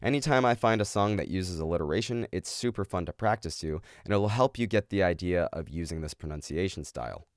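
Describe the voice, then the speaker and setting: A man's voice: deep voice, lively intonation, a little fast, hardly any pauses, no room sound, studio quality. A man giving instructional explanations as a vocal coach. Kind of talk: instructional explanation of screaming technique.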